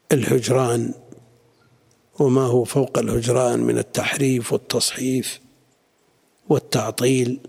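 Middle-aged sheikh, explanatory classroom teacher, gravelly with a rough husky edge. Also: male voice, mid-range voice. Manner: explanatory, questions students, quiet asides. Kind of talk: classroom lesson explaining a text.

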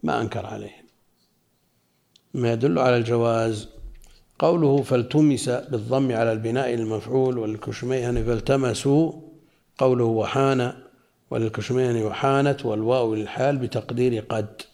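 Male religious teacher, warm low-key voice, measured reading with everyday explanations. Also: fairly even intonation, creaky. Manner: slow, deliberate reading with spoken asides. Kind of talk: reading and explaining a classical text.

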